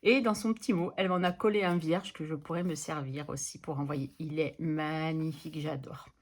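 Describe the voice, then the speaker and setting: A woman's voice: sits low, steady tone, normal speed. A middle-aged woman chatting casually to camera about budgeting, enthusiastic and laughing often. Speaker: budgeting channel host.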